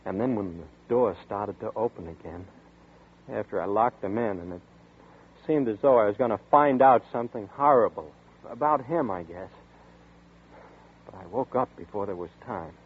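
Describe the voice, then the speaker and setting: In a 1940s radio drama, a troubled man in his twenties plays an anxious young man haunted by a dream, narrating tensely and insistently. His voice is on the low side, expressive and husky at a moderate pace, heard through a tinny old broadcast with faint hiss.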